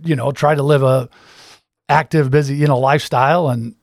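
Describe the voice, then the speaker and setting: A man in his fifties from Central Iowa, an insurance agent, is a guest on a local radio show, chatting casually in a small studio. His medium-pitched voice stays steady and moves a little fast, and he gives short, easygoing, agreeable answers. The recording is dry and of studio quality.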